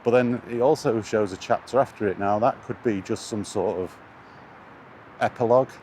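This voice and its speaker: The noisy outdoor clip, full of urban traffic and vehicle sounds, features a gaming YouTuber walking near the road with a handheld camera. His lowish, slightly mellow voice moves at normal speed through a casual, rambling, hesitant, laid-back vlog chat.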